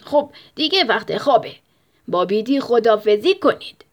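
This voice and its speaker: A friendly zookeeper in a bedtime story, calm and firm, a touch husky, read by a woman in her own voice. The tone is lively and warm-hearted. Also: on the high side. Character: calm adult male zookeeper.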